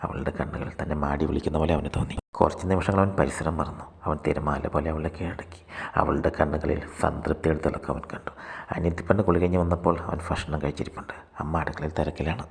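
A man narrating a short story aloud in a steady read-aloud manner. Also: rumbling low, quick pace, vocal fry. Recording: long hall reverb.

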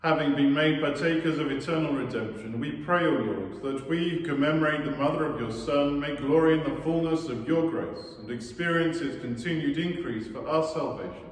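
A man leading liturgical prayers as a priest in a large church, reciting in a measured, solemn way, his voice carried by a cathedral echo. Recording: booming echo and long church reverb.

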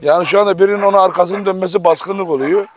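Man with high voice commanding dogs. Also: fast. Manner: tense, repeatedly commanding dogs to calm down. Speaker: dog owner filming his dogs. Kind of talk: casual vlog commentary. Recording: loud background noise with barking dogs. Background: dogs barking and growling.

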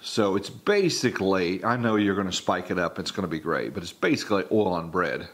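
A man's voice: low voice, expressive, a little fast, a bit bright. A middle-aged man co-hosting a home cooking video, chatting in a folksy way and cracking jokes. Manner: folksy, joking. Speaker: cooking channel co-host. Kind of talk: casual chat.

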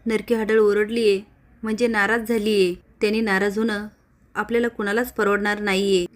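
A woman's voice: medium pitch, level tone, normal speed, lightly acted. A woman voicing a superstitious male village priest who warns that disaster will strike the village. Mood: ominous. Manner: warning, pleading.

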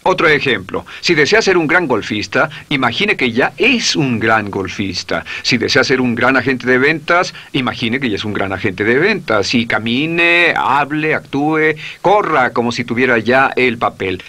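A man's voice: mid-range voice, animated, moderate pace, few pauses, sharp tone. A man narrating a recorded self-help lesson in an instructive way, repeating affirmations aloud. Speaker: course narrator.

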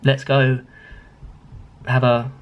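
A man's voice: mid-range voice, completely flat delivery, extremely slow, over a noisy crowd. A young British man chatting casually to a vlog camera, his speech slightly impeded by dental retainers. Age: young adult. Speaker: vlogger. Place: small bedroom. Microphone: handheld camera at arm's length.

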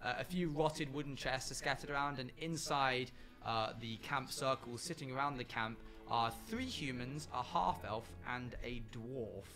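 A man running a tabletop game as game master, narrating scenes in a loose, halting way. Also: mid-range voice, pushed and bright, soft background music.

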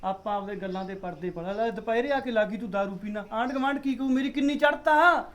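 A man's voice: high voice, fast talker. A man playing a quarrelsome drunken village husband, speaking with a Punjabi accent. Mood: angry. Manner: loud, quarrelsome, slurring drunk. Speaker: drunk husband arguing with wife and mother.

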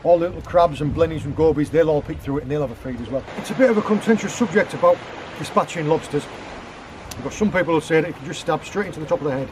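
Racing through his words in a high-ish voice, a guest forager in his thirties shows how he cooks seafood on a rocky beach. Background noise is present, and he explains each step casually while working with his hands outdoors.

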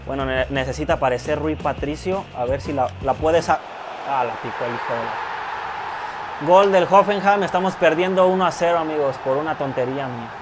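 A young man with a Mexican accent commenting casually on his own football video game match, excitable, swearing and yelling when goals go in. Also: fairly high pitch, moderate pace. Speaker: gaming youtuber. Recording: loud music behind the voice.

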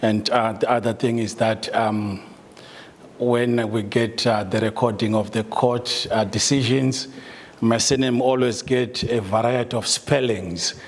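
Speaking indoors in a meeting room, a middle-aged Zimbabwean solicitor with a Zimbabwean accent gives a talk to staff as a guest speaker, using many ums and uhs and some light laughter. His mid-range voice is steady in tone and unhurried, with a long reverb tail.

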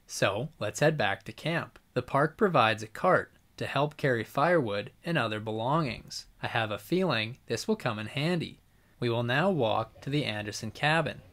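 A young man giving calm, informative scripted narration as a video host. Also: medium pitch.

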